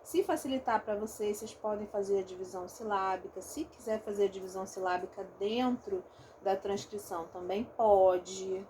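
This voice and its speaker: Speaking with a Rio de Janeiro Portuguese accent, a woman leads a recorded online phonetics lesson, explaining each step and often checking on her students. Her voice is medium-pitched, steady and dark, at a normal speed, with a little hiss or hum.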